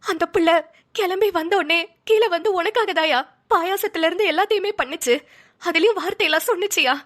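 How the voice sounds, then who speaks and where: A woman's voice: very high voice, a little fast, a bit bright. A woman voicing a worried, coaxing middle-aged mother-in-law in a cartoon, speaking colloquial Tamil Nadu Tamil. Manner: coaxing, motherly, calls son affectionately.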